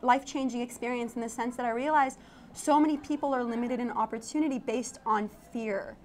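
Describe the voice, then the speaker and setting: A woman's voice: on the high side, brisk, darkish tone, a little hiss or hum. A young woman from Iraq, an architect and tech founder, chatting animatedly as an interview guest and laughing often. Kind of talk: casual interview chat. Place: event studio.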